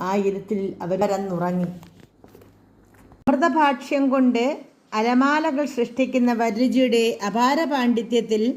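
Woman reading an old folk tale aloud, deliberate and careful, voice a bit on the high side. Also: darkish tone. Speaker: narrator. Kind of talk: storybook narration.

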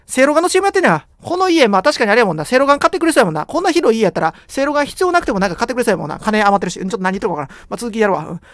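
A man's voice: extremely high pitch, big pitch swings, racing, hardly any pauses, a bit bright, no echo, studio quality. A young man with a Kansai accent giving joking, rambling commentary while playing a horror game. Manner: joking, rambling, self-deprecating banter. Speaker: game streamer.

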